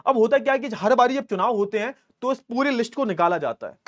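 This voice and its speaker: A man's voice: very high voice, lively intonation, fast talker. A man in his twenties teaching an online class in a chatty, teasing way, reading student comments aloud and joking with them. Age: 20s. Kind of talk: live online class lecture.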